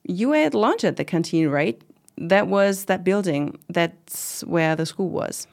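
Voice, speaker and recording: A woman's voice: lowish voice, lively intonation, slow pace, gravelly, a little mellow, full character voice. A woman playing a proud middle-aged commune organizer in an interview drama, talking in a casual, reflective, lightly wry way. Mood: reflective, candid. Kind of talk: conversational oral-history interview acting.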